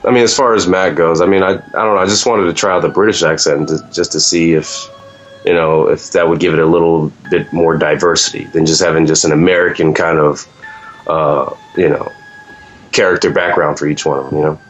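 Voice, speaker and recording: A man's voice: extremely low pitch, steady tone, a little fast, lo-fi sound, faint music behind. A man, a voice actor, chatting casually in an interview, laid-back and rambling with lots of fillers. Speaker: voice actor, guest.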